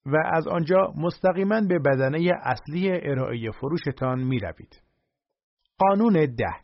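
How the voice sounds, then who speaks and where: A man's voice: on the high side, no room sound. Man reading a nonfiction audiobook. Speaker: audiobook narrator. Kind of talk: scripted nonfiction narration. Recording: dry, slightly dull recording.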